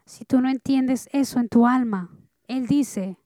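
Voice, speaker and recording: Earnest woman pastor preaching, mellow tone. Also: high voice, unhurried, dry recording. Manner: earnest preaching, swinging between soft and loud. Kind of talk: sermon.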